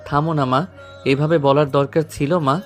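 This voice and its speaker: A man's voice: fairly high pitch, fairly even intonation, normal speed, lightly acted. A voice playing a wounded young man. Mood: weak, pleading. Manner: strained, quiet. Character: wounded young man, weak but resolute. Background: faint background music.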